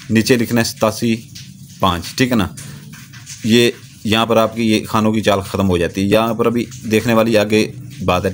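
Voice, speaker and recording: A man with a fairly low voice explains a ritual one step at a time. He talks in a steady, instructive manner, repeating himself and checking often that the listener has understood. A faint hiss sits under the recording. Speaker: spiritual practitioner teaching a ritual.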